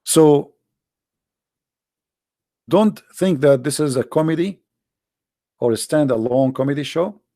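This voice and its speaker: Speaking Arabic as his first language, this man hosts a daily broadcast and preaches directly to viewers in a blunt, forceful livestream monologue. His raspy, gravelly voice sits a little high and sounds warm, and he goes slowly with frequent pauses. The audio is close and dry, free of echo.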